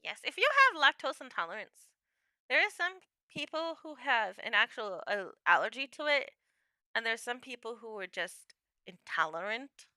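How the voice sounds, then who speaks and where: A woman's voice: on the high side, animated, moderate pace, bright, forceful tone, dry recording, clean studio sound. A young adult woman chatting casually with viewers on her livestream, playful and laughing often.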